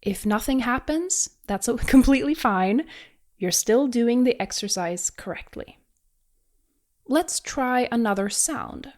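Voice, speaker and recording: This language teacher's voice is a little high and slightly mellow, animated but unhurried. She reassures and encourages learners through a pronunciation lesson, showing off exaggerated rolled R sounds and leaving pauses for repetition.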